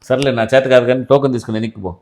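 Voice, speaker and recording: Man, exasperated doctor, rapid, pleading tone. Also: mid-range voice, steady tone, darkish tone. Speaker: doctor in a comedy sketch. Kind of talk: comic sketch acting.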